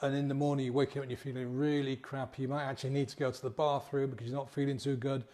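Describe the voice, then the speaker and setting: A man's voice: mid-range voice, flat delivery, fast talker, a little mellow. A man in a casual motivational talk as a sobriety coach, acting out inner voices and checking in with "yeah?". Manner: conversational, acts out inner voices, frequent "yeah?" tags.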